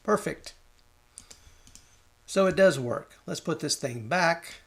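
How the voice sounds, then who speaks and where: A man with a slightly high, gravelly voice walks through a design tutorial as he works. He thinks aloud and mutters at the software when it stalls. Keyboard and mouse clicks sound behind him. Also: animated, slow. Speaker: design instructor. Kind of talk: screen-recorded software tutorial.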